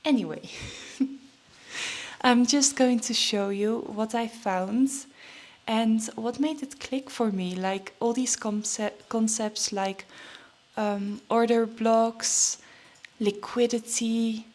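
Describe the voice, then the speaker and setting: Slow-talking, nervous young woman vlogging. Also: a little high, fairly even intonation, darkish tone. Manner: chatty, with many fillers and restarts. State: nervous and a bit out of breath. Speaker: trading vlogger. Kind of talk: casual vlog chat.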